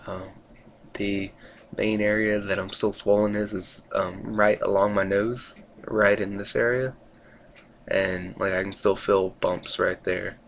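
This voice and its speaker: A deep-voiced man speaks in a flat, barely varied tone with plenty of vocal fry. He rambles hesitantly, as in a casual home video diary, often letting thoughts trail off. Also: a little slow, a little hiss or hum. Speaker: vlogger giving a recovery update.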